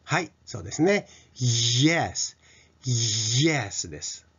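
A middle-aged man teaching pronunciation to children, stretching out each sound slowly as he demonstrates it, on a dull lo-fi recording. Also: fairly high pitch, huge pitch swings, fairly bright tone, breathy edge. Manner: slow, drawn-out sound demonstrations. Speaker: English teacher.

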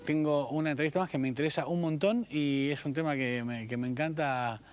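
A man's voice: on the high side, brisk, a little hiss or hum. Bantering Argentine male TV host. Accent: Argentine Spanish. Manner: bantering, argumentative, jokey. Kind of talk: TV interview.

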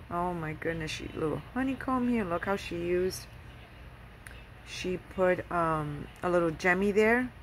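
A woman with a fairly low voice gushes over handmade craft gifts in a casual show-and-tell. She talks excitedly, with plenty of fillers along the way. A faint hiss sits under the home recording. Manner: gushing, excitable, with many fillers. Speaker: craft vlogger.

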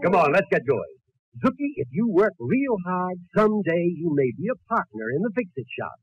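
Older uncle, sarcastic handyman, very animated pitch, husky, grumbling, old radio comedy. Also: normal speed, dry recording, lo-fi sound, exaggerated voice. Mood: brisk. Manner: dry, sarcastic quips. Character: wisecracking, grumbling older uncle working in fix-it shop. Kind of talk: 1940s radio comedy acting.

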